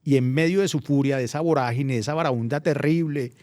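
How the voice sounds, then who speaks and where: A middle-aged journalist tells long anecdotes in a relaxed interview, circling back and restarting his phrases as he goes. His voice sits at an ordinary male pitch. The recording is dry and close. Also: quick pace, dry recording. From Colombia. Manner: anecdotal, restarts phrases, animated when recounting. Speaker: journalist guest. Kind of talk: casual storytelling interview.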